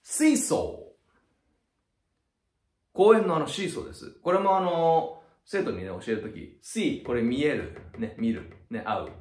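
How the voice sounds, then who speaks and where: Lively middle-aged male tutor, echoey room. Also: fairly high pitch, normal speed, hardly any pauses. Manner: chatty, ends phrases with a tag "ne", acts out sound effects. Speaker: cram school head teacher. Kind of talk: explaining vocabulary to students.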